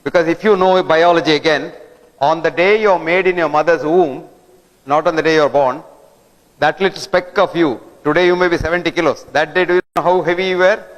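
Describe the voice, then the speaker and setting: A man's voice: fairly high pitch, steady tone, fairly quick. A man giving a didactic lecture, often throwing rhetorical questions at the audience. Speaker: guest lecturer. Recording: long hall reverb.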